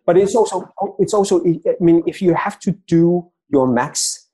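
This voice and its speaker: A man's voice: sits high, normal speed, warm tone, husky. A middle-aged man with a Danish accent, an author telling stories in an interview, often repeating words as he starts a sentence. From Denmark. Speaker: author guest. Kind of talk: conversational storytelling interview.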